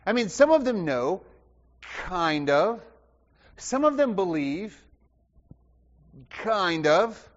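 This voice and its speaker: Taking his time, with long pauses, this pastor's sermon swings from loud to hushed, dropping almost to a whisper and climbing back, his lively, swooping lines full of rhetorical repetition. A voice a touch higher than typical for a man sounds dull and echoes with long reverb, like a big church.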